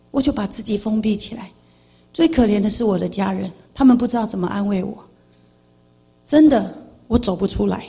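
Middle-aged woman, slightly husky and high-pitched, delivering a lively church testimony with big dynamic swings. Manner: animated, swings between loud outbursts and quiet confession. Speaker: guest giving a personal testimony. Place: church sanctuary.

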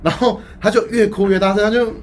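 A man with a Taiwanese Mandarin accent telling a childhood story in casual chat, animated, acting out quotes and laughing often. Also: high-pitched, quick pace, a little hiss or hum.

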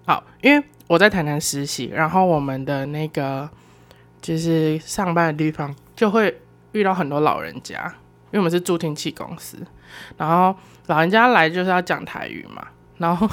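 A woman's voice: sits low, moderate pace. A woman in her twenties with a Taiwanese Mandarin accent, hosting a podcast and telling stories in a casual, exclamatory, self-mocking way. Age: 20s. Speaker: podcast host. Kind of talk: casual solo storytelling.

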